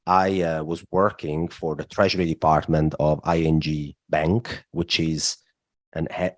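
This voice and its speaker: A man from southern Italy speaks in a very low, deep voice. He explains at length as a podcast guest, leaning on "look" and "uh" as he builds each point. The sound is close and dry, with no room around it. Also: a little mellow, dry recording. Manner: explanatory, frequent "look" and "uh" fillers. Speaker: guest, macro strategist. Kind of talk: podcast interview.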